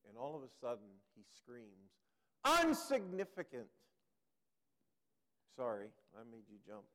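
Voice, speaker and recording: A man speaking to a church congregation as a guest speaker and author, earnest and unhurried, often pausing with ums. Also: fairly low pitch, fairly even intonation, a little mellow, in a large hall. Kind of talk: sermon. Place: church sanctuary.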